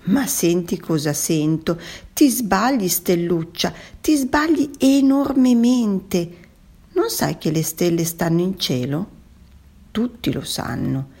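A woman's voice: deep voice, sing-song, gravelly, darkish tone, breathy edge, heavily acted. A woman voicing a smug, discontented squid in a children's story, haughty and mocking. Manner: haughty, drawn-out mocking tones.

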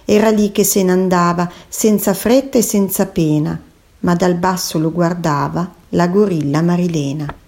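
A woman's voice: on the low side, fairly even intonation, moderate pace, darkish tone. A woman narrating a rhyming children's story in a sing-song cadence, speaking to the children listening.

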